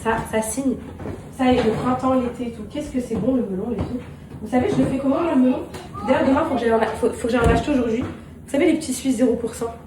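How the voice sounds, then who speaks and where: A woman's voice: a little high, quick pace. A woman chatting casually to her viewers in a home vlog, talking to them as girls while she cooks at home. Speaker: vlogger and mother. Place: home kitchen, indoors. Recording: echoey, noisy room, voice far from mic.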